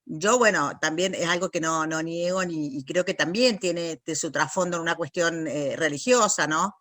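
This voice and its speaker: A woman's voice: on the low side, normal speed, fairly bright tone, no room sound, studio quality. A middle-aged Argentine woman answering interview questions in a thoughtful, reflective way, often checking in with short question tags. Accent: Argentine Spanish. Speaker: interview guest, lawyer and researcher.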